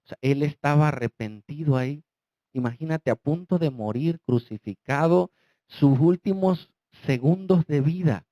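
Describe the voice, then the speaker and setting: A male pastor with a Mexican Spanish accent preaching a sermon, swinging between loud emphatic lines and quiet low asides. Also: normal speed, no room sound, lo-fi sound. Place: church.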